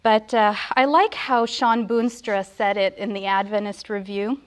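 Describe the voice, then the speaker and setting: A woman's voice: mid-range voice, steady tone, measured pace, clean tone. A woman giving an earnest, reverent sermon at a pulpit microphone, with a prayer and scripture study. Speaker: preacher.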